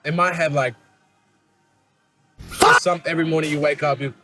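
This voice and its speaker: A man's voice: on the high side, steady tone, normal speed, loud music behind the voice. A young man hosting a food challenge with casual, blunt, chatty banter. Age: young adult. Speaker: host asking questions in a food challenge.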